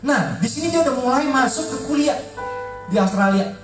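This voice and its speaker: A middle-aged man delivers an emotional church testimony, pressing hard on repeated words. He sounds a little distant from the microphone in a large, reverberant hall, with soft music faintly underneath. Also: very high-pitched, lively intonation, brisk. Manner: heartfelt, emphatic, repeats words for stress. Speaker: church speaker giving a testimony.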